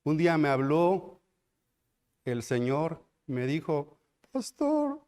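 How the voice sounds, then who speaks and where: A middle-aged man with a Mexican accent, preaching a sermon as pastor, repeating phrases and slowing down to build loud climaxes. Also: fairly high pitch, clean tone. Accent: Mexican Spanish.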